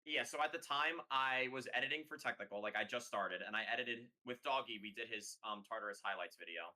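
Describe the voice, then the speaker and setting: This is a young man talking as a guest in a relaxed online chat. His voice is bright and forward at a middle pitch. He tells his stories loosely and pokes fun at himself. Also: brisk, poor audio. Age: young adult. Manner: laid-back storytelling, self-mocking. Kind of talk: casual chat.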